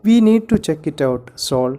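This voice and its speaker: A man's voice: on the high side, lively intonation, warm tone. A man reading as a weary, worried young mother. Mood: teasing. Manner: measured bilingual reading of her lines.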